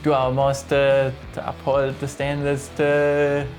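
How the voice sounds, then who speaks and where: Faint music sits behind a middle-aged man from Germany who owns a workshop and discusses it in a casual interview. He speaks slowly at a medium pitch with a German accent, staying relaxed yet hesitant, often using fillers and starting over.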